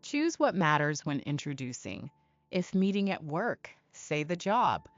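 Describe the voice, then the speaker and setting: A woman with a lower voice leads a beginner English lesson at an unhurried pace, spelling out each phrase clearly. The voice-over is dry and a little dull in tone, with soft music underneath. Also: very animated, dry recording. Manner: clear, deliberate, repeat-after-me delivery. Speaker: English teacher. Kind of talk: slow scripted lesson narration.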